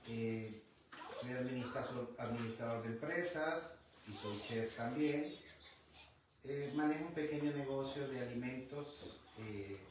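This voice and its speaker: A man in his fifties, a guest in a livestream interview, speaking calmly and conversationally with pauses and fillers. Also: mid-range voice. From Honduras. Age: 50s. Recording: very echoey room, far from mic, some noise.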